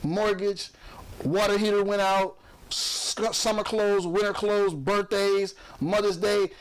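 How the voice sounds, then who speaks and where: High-voiced man ranting profanely on a podcast. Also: little pitch movement, slow pace. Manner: profane, emphatic, heated ranting. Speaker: podcast host; truck driver. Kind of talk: casual podcast rant.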